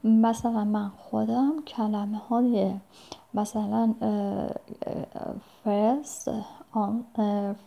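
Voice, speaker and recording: Hesitant woman with a gravelly, mellow voice. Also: medium pitch, level tone. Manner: hesitant, many pauses and fillers; politely formal phrasing. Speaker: language learner giving advice. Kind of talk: casual spoken advice. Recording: dull lo-fi recording.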